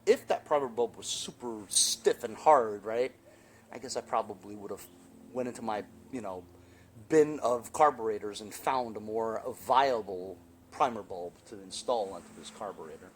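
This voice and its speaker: Outdoor noise surrounds this middle-aged host as he walks through a small-engine repair in his sunny backyard, speaking in a lowish voice at a moderate pace. His explanations are chatty and step-by-step, regularly punctuated by "right?"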